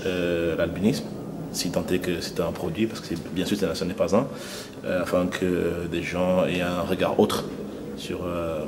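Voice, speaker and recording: A man's voice: low voice, level tone, unhurried. A man from Cameroon, a fashion model, speaking earnestly in an interview with some hesitations. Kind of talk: interview testimony. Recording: noisy ambience behind.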